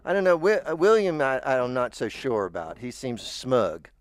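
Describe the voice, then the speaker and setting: A man's voice: medium pitch, big pitch swings, moderate pace, dry recording. American guy rambling on, lots of stammery restarts, dry sound. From United States. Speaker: podcast host. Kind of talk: casual chat.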